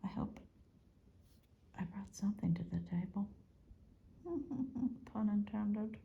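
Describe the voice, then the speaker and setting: Mostly whispering in a breathy, soft voice of medium pitch, a woman ASMR vlogger reads slowly, and the sound has a phone-like quality. She's playful and chatty in her asides.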